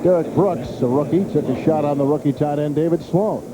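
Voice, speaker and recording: A man gives live football play-by-play commentary. His voice is pitched high for a man. The broadcast is thick with loud stadium noise. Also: fairly quick. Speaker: play-by-play announcer.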